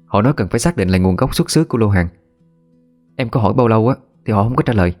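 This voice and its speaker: A man's voice: lowish voice, lively intonation, darkish tone, soft background music, natural voice. A male narrator voicing an anxious young female secretary, talking hurriedly. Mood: worried. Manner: hurried, worried.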